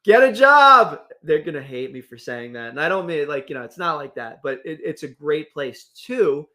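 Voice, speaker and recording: A man's voice: mid-range voice, brisk, fairly bright tone. A man co-hosting a casual local morning radio show, upbeat and reading sponsor plugs with enthusiasm.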